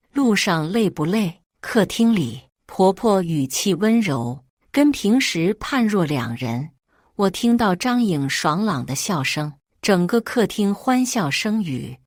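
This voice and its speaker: A woman narrating a dramatic first-person story in an emotional, expressive way. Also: lowish voice, dry recording, clean studio sound.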